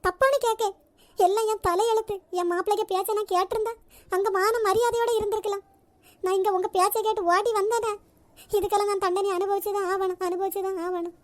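A woman voicing a sharp-tongued, grasping middle-aged housewife in a cartoon, with a Nagercoil Tamil accent and a sarcastic, complaining manner. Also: extremely high pitch, fairly even intonation, fast, no echo. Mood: wailing. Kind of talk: cartoon voice acting.

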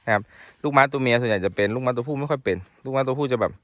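A man's voice: mid-range voice, rapid-fire, fairly bright tone, dry recording. Chatty Thai man filming horses outdoors. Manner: chatty, affectionate, many polite particles. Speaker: horse breeder and channel host. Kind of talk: casual outdoor vlog commentary. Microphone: handheld phone.

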